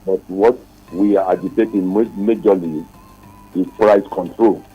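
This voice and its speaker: A man's voice: low-pitched, fairly even intonation, normal speed, slightly rough, faint music behind. A man calling in to a radio talk show, speaking earnestly and repeating his points, his voice muffled as if heard through a wall over a dull phone line. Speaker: caller.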